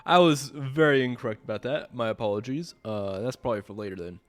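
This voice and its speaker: A man's voice: mid-range voice, fast talker, no room sound. A man giving casual gameplay commentary, muttering to himself and trailing off. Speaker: gaming video host. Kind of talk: casual game playthrough commentary. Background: game music.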